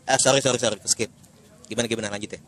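A man's voice: medium pitch, fairly even intonation, racing, fairly bright tone. A man with a Jakarta accent hosting a casual podcast chat in informal, joking Jakarta slang. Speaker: podcast host. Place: coffee shop.

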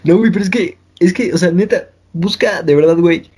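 A man's voice: sits high, brisk, darkish tone, breathy edge. A young man from Mexico City talking in a casual, slangy, joking way as a podcast co-host. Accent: Mexico City Spanish. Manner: slangy, joking, imitates northern speech. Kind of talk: casual chat.

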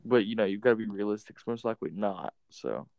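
A man's voice: on the low side, animated, quick pace, vocal fry, a little mellow, poor audio. A man hosting a casual podcast chat, rambling in a laid-back way and saying "bro" and "like" a lot. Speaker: podcast host.

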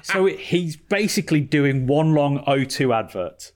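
A British man with a slightly higher-than-usual voice, chatting casually on a podcast. He tells anecdotes in a wry, sweary way. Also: animated, unhurried, a crowd in the background. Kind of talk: casual chat.

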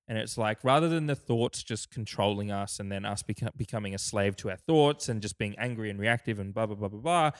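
A young adult man co-hosting a podcast, talking casually with many restarts and fillers. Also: fairly low pitch. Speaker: podcast co-host. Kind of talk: casual chat.

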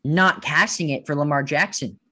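A man's voice: a little high, moderate pace, pushed and bright. A man co-hosting a casual sports podcast, joking around, making puns and teasing his co-host. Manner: playful, jokey, punning, teasing.

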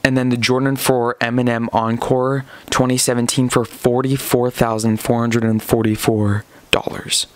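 A man's voice: mid-range voice, flat delivery, moderate pace, hardly any pauses, no echo. A man hosting a podcast, commenting casually and reading out items. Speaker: podcast host.

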